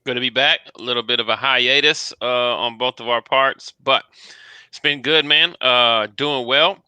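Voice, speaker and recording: A man's voice: medium pitch, fairly even intonation, normal speed, bright, forceful tone, clear, resonant tone, no room sound. A man co-hosting a podcast, talking in a laid-back, easygoing way. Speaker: podcast co-host. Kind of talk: casual podcast chat.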